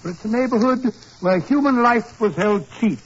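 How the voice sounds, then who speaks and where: A man's voice: high voice, moderate pace. An actor playing a genial older English doctor recounting his adventures in a dramatic, avuncular British storytelling style for 1940s radio drama. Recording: muffled 1940s radio recording with music behind.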